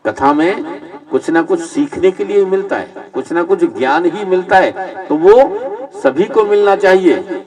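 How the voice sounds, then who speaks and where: A male preacher telling stories with humor, animated and rising to loud scolding emphasis. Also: high voice, unhurried, recorded from a distance, rough recording. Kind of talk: devotional scripture-story sermon.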